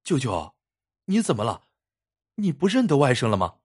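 A man voicing a pale young nephew, earnest and soft-spoken, in a ghostly told story. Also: mid-range voice, very animated, moderate pace, slightly rough. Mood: puzzled.

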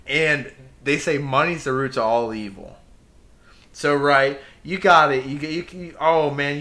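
Bright-voiced man rambling in casual chat. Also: fairly high pitch. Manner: rambling, animated, swears freely, talks with hands on table.

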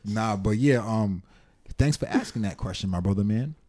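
Lowish-voiced man, casual street slang. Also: expressive, normal speed, dark tone. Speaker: podcast host; photographer. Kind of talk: casual chat.

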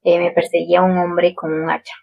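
Husky gravelly woman chatting. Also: fairly low pitch, level tone, brisk, muffled recording. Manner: curious questioner. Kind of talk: casual chat.

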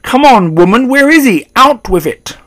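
A man performs an angry, blustering middle-aged English father from a storybook, using an exaggerated, extremely high voice pitched above his own, with big pitch swings at a moderate pace. The character is furious and shouting, rude and spluttering, and stammers when shocked.

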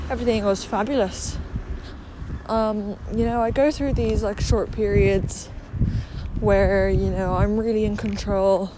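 A woman with a slight lisp from wearing a retainer, speaking candidly and hesitantly in a casual confessional podcast monologue recorded outdoors on a walk. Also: mid-range voice. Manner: hesitant, candid, with mild swearing. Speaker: podcast host. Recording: noisy outdoor walking recording.

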